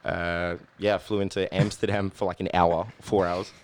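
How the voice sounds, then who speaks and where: Laid-back deep Australian young man. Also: level tone, moderate pace, clear, resonant tone. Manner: laid-back, rambling with fillers and swearing. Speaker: guest. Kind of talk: casual chat.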